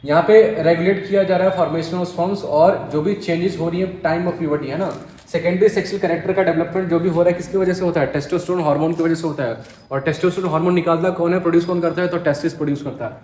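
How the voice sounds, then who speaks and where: A man's voice: on the high side, steady tone, fast talker, a little mellow. A young man teaching a biology exam lesson, asking his own questions and answering them, and repeating key terms as he goes. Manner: repeats terms, keeps saying "dekho bhai". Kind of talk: exam-prep biology lecture. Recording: echoey room with faint hiss.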